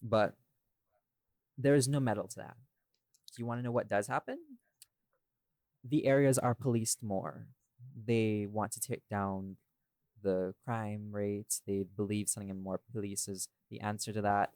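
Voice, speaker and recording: Speaking at a measured pace with long pauses, a man with a low, steady, darkish voice talks directly to listeners of his casual podcast. He is the host and an audio drama creator, and he explains his creative choices with emphasis. No room sound is audible.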